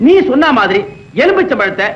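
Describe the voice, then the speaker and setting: An actor playing a sly, smooth-talking young man with a suave, teasing manner. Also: very high-pitched, sing-song, a little fast. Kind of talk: 1970s film acting. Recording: dull lo-fi old film soundtrack.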